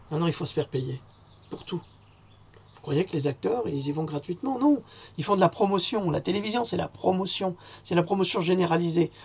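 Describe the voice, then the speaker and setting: Gravelly, husky Frenchman ranting. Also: a little high. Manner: indignant, rambling, with sudden mocking outbursts. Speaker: vlogger. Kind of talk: improvised angry rant to camera. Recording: dull lo-fi sound.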